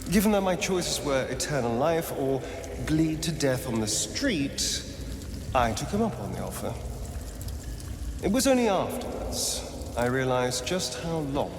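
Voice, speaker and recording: Astarion, a theatrical, lively vampire. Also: male voice, medium pitch, background noise. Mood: bitter, brooding. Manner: theatrical, arch, drawn-out emphatic phrasing. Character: suave, bitter male vampire spawn, two centuries old, former magistrate. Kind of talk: theatrical video game dialogue. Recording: roomy reverb, music behind.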